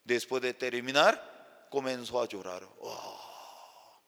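A man's voice: a little high, sing-song, unhurried, fairly bright tone. A male pastor, a native Chinese speaker, telling a sermon story with acted voices. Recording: long hall reverb.

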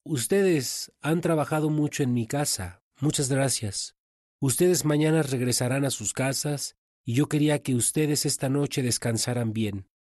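A man's voice: mid-range voice, darkish tone, no echo, studio quality, lightly acted. A man voicing a wealthy male master who speaks politely to his servants. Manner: polite, courteous.

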